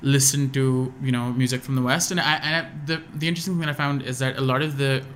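A young Pakistani man, a guest musician, chats on a casual podcast with an American accent, circling his ideas through fillers, false starts and frequent restarts. His mid-range voice moves quickly with fairly even intonation and a slightly bright tone. Faint room ambience and a bit of hiss or hum sit behind him.

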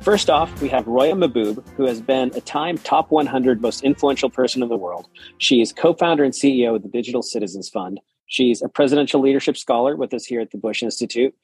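A man's voice: medium pitch, fairly quick, a little mellow, breathy edge, faint music behind. A man hosting a podcast interview, reading a scripted intro and then chatting with his guests, often restarting his words when he talks off the cuff. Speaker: podcast host.

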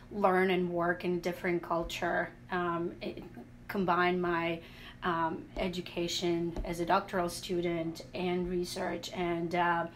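A woman researcher from Latvia, an interview guest speaking in a measured, earnest way. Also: fairly low pitch, slight background noise. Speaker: co-author and researcher.

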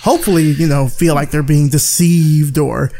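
A man's voice: on the high side, steady tone, moderate pace, vocal fry, dark tone, faint music behind. A man from rural Alabama, a podcast guest speaking candidly in casual conversation, often restarting his sentences. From rural Alabama, USA. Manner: candid, thoughtful, frequent restarts.

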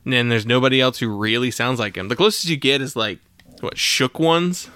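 A man hosting a podcast who talks in a relaxed, rambling way, laughing easily while chatting about music. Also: mid-range voice, a little fast, smooth. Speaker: podcast host. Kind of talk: casual chat.

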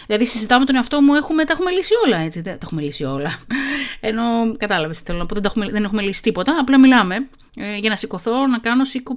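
Fast-talking chatty Greek woman. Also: on the high side. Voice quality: fast-talking, self-mocking, laughs easily. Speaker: podcast host. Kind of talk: casual chat reading an article.

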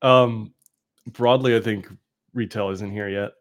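A man's voice: fairly low pitch, fairly even intonation, a little slow. A man co-hosting a podcast, explaining markets informally and often checking in with a tag question. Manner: informal, explanatory, punctuated with "right?". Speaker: podcast co-host, market analyst. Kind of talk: casual market commentary.

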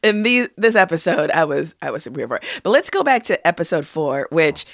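A woman co-hosting a podcast, talking in an animated, opinionated and slangy way. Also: deep voice, fairly quick, no room sound, clean studio sound. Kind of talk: casual chat.

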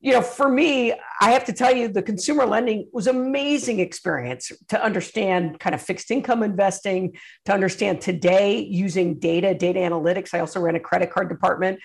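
A woman executive giving conversational interview answers as a guest, somewhat halting as she works through her points. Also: medium pitch, vocal fry, darkish tone.

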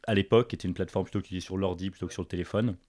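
Un jeune homme de Paris, invité d'un podcast, qui raconte son parcours sur un ton détendu, avec beaucoup d'hésitations et de reprises. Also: male voice, sits low, racing, dry recording, studio quality. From Paris, France. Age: young adult. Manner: relaxed, full of fillers and restarts. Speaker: podcast guest, entrepreneur. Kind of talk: casual interview chat.

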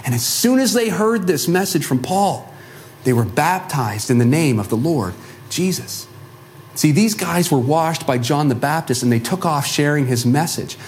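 A man preaching a sermon as a pastor, telling a Bible story in an animated way and acting out the voices of the people in it. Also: on the high side, moderate pace, slight background noise. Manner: animated, acts out quoted voices.

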